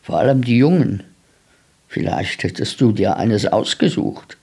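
A man reading a gentle, coaxing older man. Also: lowish voice, lively intonation, measured pace, breathy edge, full character voice. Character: kindly, curious older man with rabbits.

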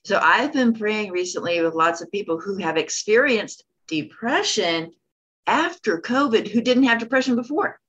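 A woman's voice: medium pitch, expressive, normal speed, fairly bright tone, muffled recording. A woman co-host speaking in an earnest, affirming way about faith. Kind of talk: conversational ministry talk.

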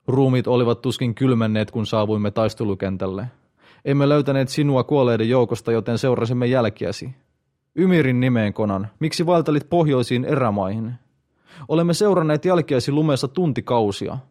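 A man voicing a gruff blond northern warrior in an audiobook reading. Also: mid-range voice, warm tone, close to an everyday voice. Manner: gruff, a little raised.

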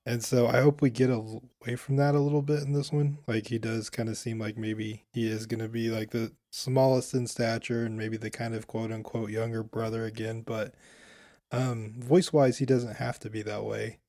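A man guesting on a casual podcast, talking in a measured way and thinking aloud. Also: medium pitch, level tone, warm tone, dry recording, studio quality.

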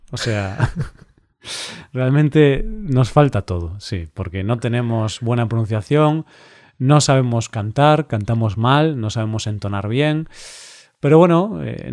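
Slow-spoken man co-hosting. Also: medium pitch, expressive, darkish tone. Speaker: podcast co-host. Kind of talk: casual podcast chat.

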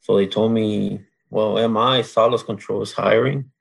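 A man from Mexico speaks in a relaxed interview. His voice is gravelly and a bit husky. He talks plainly, with a dry sense of humor. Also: lowish voice, normal speed, rough recording. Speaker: guest, oilfield solids control worker. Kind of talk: casual interview.

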